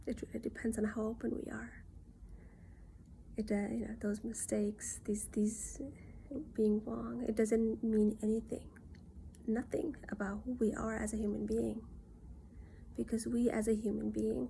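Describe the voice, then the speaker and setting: A woman from Nepal, talking in an earnest, reassuring monologue that often drops into soft near-whispers. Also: fairly high pitch, gravelly, a little hiss or hum. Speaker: self-reflection vlogger. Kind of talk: casual reflective monologue.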